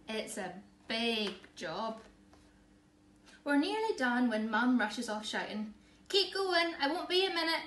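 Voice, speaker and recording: Taking her time over the words, a woman gives a picture book an expressive, theatrical read-aloud for children, her fairly high voice a bit bright. She's in a small indoor living room that sounds echoey with faint background noise, recorded by a camera or phone a little way off.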